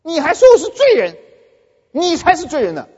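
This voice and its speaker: A proud young woman in her twenties, put on by a man, scolding at a high pitch with a wildly swinging tone. She sounds self-righteous and demands answers. The audio is dull, with a long hall echo. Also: wildly swooping pitch, moderate pace, warm tone, exaggerated voice. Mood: indignant.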